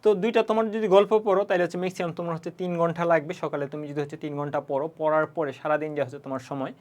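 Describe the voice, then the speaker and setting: A man's voice: fairly high pitch, fairly even intonation. A young man tutoring students for an exam, talking casually with lots of fillers and constant "okay?" check-ins, with a Bangladeshi Bengali accent. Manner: rapid, repetitive teacher talk with frequent fillers and check-ins. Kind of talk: casual exam-prep lesson.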